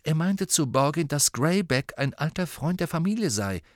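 A man's voice: a little high, expressive, moderate pace, no room sound, clean studio sound, pitched above the performer's own voice, lightly acted. A man voicing a clever, earnest teenage witch girl in an audiobook, speaking in a probing way. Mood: eager.

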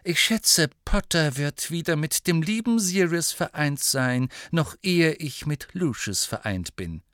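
A man voicing an icy, haughty aristocratic mother in a storybook, speaking in a cool, measured and disdainful way. The sound is dry and close. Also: a little high, lively intonation, a bit bright, no room sound, pitched above the performer's own voice. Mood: cold.

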